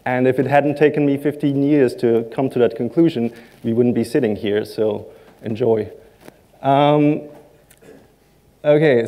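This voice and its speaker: A conference speaker in his thirties, whose first language is Serbo-Croatian, gives a halting talk from a large stage, full of ums and self-deprecating asides. His voice is medium in pitch and mellow.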